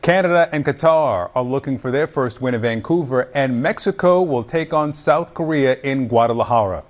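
A news anchor with a medium-pitched male voice hosts a news program, interviewing a guest before moving on to read sports headlines in a brisk, conversational way.

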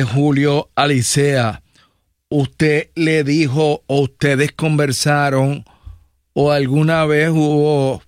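A man's voice: fairly high pitch, clear, resonant tone, no room sound, studio quality. A man hosting an interview, asking probing questions formally. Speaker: interview host. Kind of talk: radio interview.

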